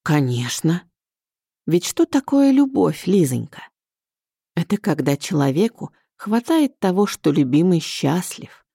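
A woman voicing a soft-spoken elderly aunt. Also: low-pitched, creaky, husky, no echo, studio quality, heavily acted. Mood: gentle. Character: kindly elderly aunt, gentle and caring. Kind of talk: audiobook character voice.

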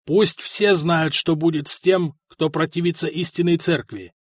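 A man voicing a cruel, imperious bearded prefect who speaks in a booming, commanding voice. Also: steady tone, a little slow, dry recording. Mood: furious.

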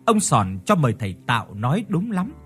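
Man, ghost story narration, husky voice, lively pitch, measured storytelling, faint music.

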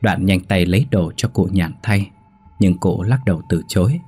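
A man narrating a horror story in a measured, suspenseful way. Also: sits low, slightly rough. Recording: soft background music.

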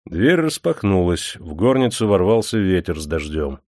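A man narrating an audiobook in an expressive storytelling manner. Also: sits low, moderate pace, no echo, clean studio sound. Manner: expressive storytelling with many voices. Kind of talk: scripted narration.

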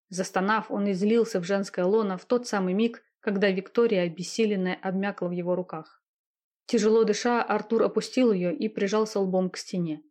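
A woman reading a romance novel aloud in a steady, intimate narrating voice. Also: mid-range voice.

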